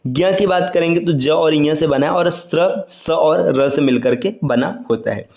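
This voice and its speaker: A man's voice: a little high, gravelly, a little mellow, roomy sound. A man teaching an online exam-prep lesson, explaining step by step and stretching out sounds as he goes. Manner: explains slowly, drawing out sounds and repeating "है ना".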